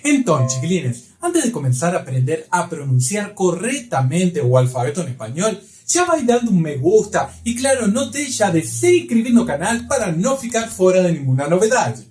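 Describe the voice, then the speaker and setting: A man's voice: sits high, big pitch swings, a little fast, hardly any pauses, darkish tone, reverberant. A man from Uruguay with a Uruguayan Spanish accent, co-hosting a language lesson and saying example words in a friendly way.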